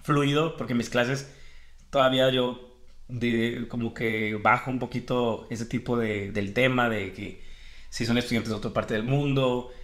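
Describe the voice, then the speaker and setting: A man's voice: mid-range voice, steady tone, a little slow, fairly bright tone, echoey room. A man with a Mexican accent from Guadalajara, co-hosting a podcast in casual, rambling chat. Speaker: podcast co-host and teacher.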